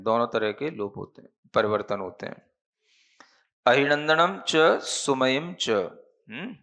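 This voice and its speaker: A Jain monk with a mid-range, creaky, slightly bright voice teaches a Prakrit grammar class on a muffled recording. He speaks slowly and patiently, explaining things and often asking "है ना?" to make sure his students follow.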